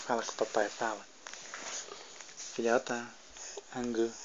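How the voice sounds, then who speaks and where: A man's voice: mid-range voice, little pitch movement, measured pace, noisy background. A man coaxing his baby to talk, repeating words in a sing-song, teasing way at home. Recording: dull lo-fi home video.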